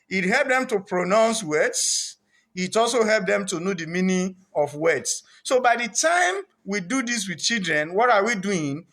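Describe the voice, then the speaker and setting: A man running a reading programme, explaining literacy to parents in an earnest way, breaking words into parts and repeating them deliberately. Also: sits high, fairly bright tone. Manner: earnest, with frequent restarts.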